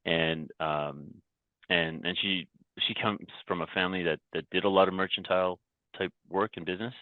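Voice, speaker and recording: Over a dry, close, phone-like remote line with no room sound, a very low-voiced man speaks steadily. He's a podcast guest from Canada who founded a company, and he recounts his story reflectively with many halting restarts and repeated words.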